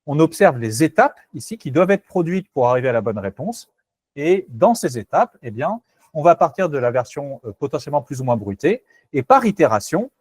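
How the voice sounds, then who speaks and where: A man's voice: on the high side, darkish tone, no room sound. A man presenting a technical webinar, hesitant and self-correcting, candid and skeptical in tone.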